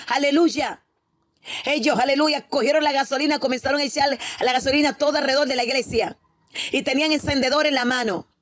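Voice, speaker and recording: A woman preacher whose voice sits high tells a story of a prophetic vision with Pentecostal fervor, repeating herself and interjecting hallelujahs and praise. There is no room sound in the recording.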